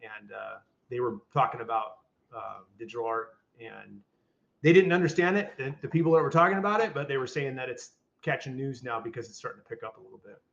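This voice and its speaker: A man's voice: medium pitch, lively intonation, a little fast, creaky. An older man co-hosting a podcast in casual chat, rambling with restarts and fillers. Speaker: podcast co-host. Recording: dull lo-fi audio.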